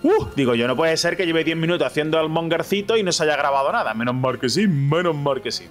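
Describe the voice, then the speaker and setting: A young man from Spain with a Spanish accent, narrating his game run in a playful, clowning way. His voice sits a little high and swings widely up and down as he jokes with viewers. Soft music plays faintly underneath. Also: lively intonation, fast. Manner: playful, jokey, self-mocking, talks to viewers. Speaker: gaming YouTuber. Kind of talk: playthrough commentary.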